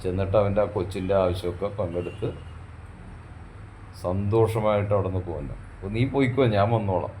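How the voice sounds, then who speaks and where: Low-voiced man coaxing his wife. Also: fairly quick, a little hiss or hum. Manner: coaxing and affectionate, gently scolding. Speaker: husband in a couple skit. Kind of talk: scripted domestic skit.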